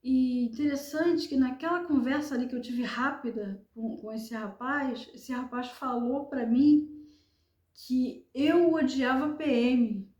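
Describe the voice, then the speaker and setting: A Brazilian woman giving an earnest personal testimony, retelling events in a halting, repetitive way. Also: high voice, darkish tone, reverberant, dull audio. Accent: Brazilian Portuguese. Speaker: survivor telling her story.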